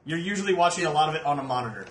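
A man's voice: a little high, expressive, rapid-fire, a crowd in the background. A young man in casual group chat, blunt and profane, often laughing as he talks. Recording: echoey room.

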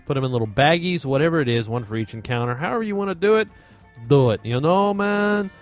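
This is a man co-hosting a relaxed chat about tabletop games. He hands out tips in an easygoing way, peppering them with "you know, man". Faint music plays softly behind his voice. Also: a little high, fast talker. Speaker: podcast co-host. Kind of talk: casual tabletop gaming chat.

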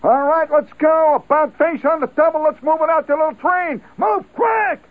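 A man putting on a gruff male army first sergeant who shouts rapid-fire orders. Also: very high voice, no echo, pitched above the performer's own voice. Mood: barking orders. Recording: tinny lo-fi 1970s radio broadcast.

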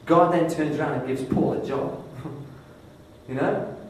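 A man preaching a sermon, telling a Bible story in a lively storytelling way and voicing the inner thoughts of its people. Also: fairly high pitch, a little slow, heavy reverb, far from the mic, a little hiss or hum, rough recording.

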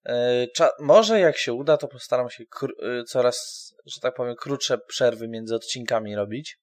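Man hesitantly introducing a podcast. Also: medium pitch. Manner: hesitant, halting delivery with frequent pauses. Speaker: podcast host. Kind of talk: informal spoken podcast introduction.

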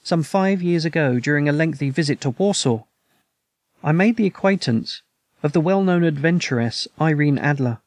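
A man's voice: a little high, lively intonation, moderate pace, no room sound, close to an everyday voice. A man reading a proud masked king. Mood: formal. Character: masked noble male king, proud, agitated client.

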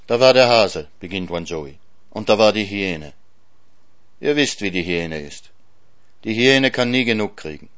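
A man reading a folk tale aloud as narrator, calm and measured. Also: sits low. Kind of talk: scripted story narration.

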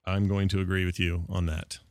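A man's voice: deep voice, level tone, brisk, no room sound, studio quality. A man hosting a casual podcast, chatting and reading listener emails aloud in a jokey way. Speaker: podcast host.

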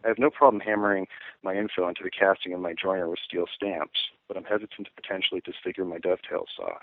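A man's voice: deep voice, fairly even intonation, fast talker, no echo. A man calling in with a voicemail question, reading it out over the phone as a caller. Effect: voicemail played back over a phone line. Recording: tinny phone-line voicemail.

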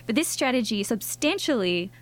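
A woman co-hosting a science radio show in a studio, explaining things conversationally in a bright, curious manner. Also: on the high side, lively intonation, moderate pace. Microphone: studio microphone.

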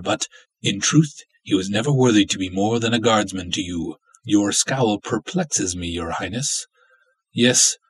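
A man reads a dramatic story as a villainous cultist consumed by obsessive love, sounding florid, theatrical, and menacing. His husky voice sits lowish, and the recording is rough.

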